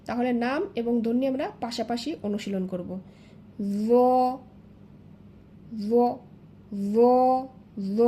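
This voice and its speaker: A woman teaching Arabic letters in a slow, step-by-step lesson, patiently repeating each sound several times. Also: fairly high pitch, warm tone, slight background noise.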